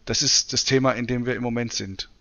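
A man presenting a software demonstration in tutorial narration. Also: mid-range voice, fairly even intonation, brisk. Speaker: presenter demonstrating screen reader.

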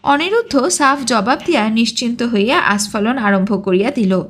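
A woman narrating a literary audiobook in a measured, expressive reading. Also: on the high side.

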